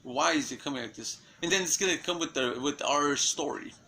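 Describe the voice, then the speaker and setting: A man talks off the cuff in a long rambling monologue, often stalling on fillers and restarting his sentences. His voice sits a little high and comes across bright and forceful, with a faint hum of background noise, and he swears freely as he goes. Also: brisk, gravelly, low-quality recording. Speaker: self-styled messenger giving a prophecy.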